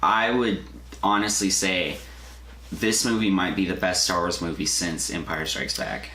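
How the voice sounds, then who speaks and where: Male co-host, lowish voice, casual and emphatic, recorded in a roomy space with clear noise. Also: a little slow, sharp tone. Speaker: co-host of a review show. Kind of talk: casual group review chat. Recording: echoey room with noticeable noise.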